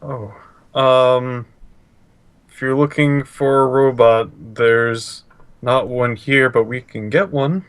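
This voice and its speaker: Slow-talking man, casual tabletop player. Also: mid-range voice, clear, resonant tone, no room sound. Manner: hesitant, thinking aloud. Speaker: player in a tabletop role-playing game. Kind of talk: casual chat.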